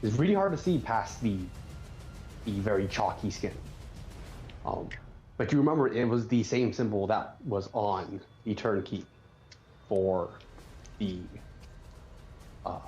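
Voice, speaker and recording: Lively-voiced man running a tabletop game. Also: fairly low pitch, measured pace, long pauses, faint music behind. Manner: descriptive, with frequent ums and restarts. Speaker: game master.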